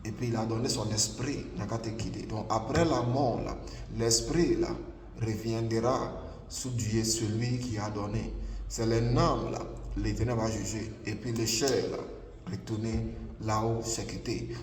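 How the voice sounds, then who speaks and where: A fairly low, fairly even voice, a little slow, belongs to a prophet preacher from Ghana giving an online sermon in his native English with a Ghanaian accent. He is emphatic and repetitive, using "là" all the time. The echoey hall, distant mic and faint ambience carry a little hiss or hum.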